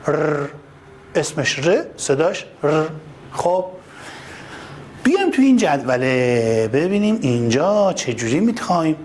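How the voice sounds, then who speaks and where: A man gives a reading lesson to young children, drawing out each letter sound and repeating it again and again. His voice sits a little high and leaps up sharply when he calls out to the class. A faint hiss runs under the recording. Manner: calls out to children with sudden high, lively bursts. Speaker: first-grade teacher.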